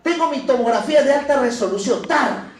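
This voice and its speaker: Man voicing an eager patient, high-pitched, mocking, echoey, distant. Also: lively intonation, brisk. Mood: eager listing. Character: adult patient reciting test results to a doctor. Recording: echoey room from far off.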